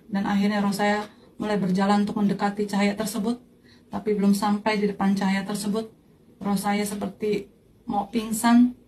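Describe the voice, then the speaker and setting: A woman telling a personal faith testimony in a slow, earnest way, recounting a vision. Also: medium pitch, dark tone, a little hiss or hum, rough recording. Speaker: church testimony speaker.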